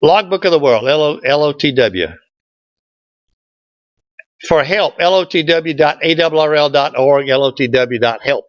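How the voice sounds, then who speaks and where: A club presenter with a high-ish voice gives an informal slide presentation from a lectern in an indoor meeting room, folksy and joking, trading back-and-forth with the audience. He speaks at a moderate pace with long pauses, and the recording is dull and lo-fi with no echo.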